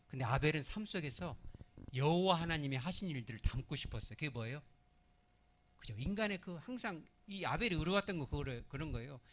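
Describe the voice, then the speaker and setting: A male pastor delivers a midweek sermon in an animated, conversational way, his pitch rising and falling widely. He keeps asking the congregation questions and answering them, then drops into soft, hushed phrases. His voice sits a little higher than most men's. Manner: acts out little scenes in other voices; swings from loud emphasis to soft, hushed phrasing.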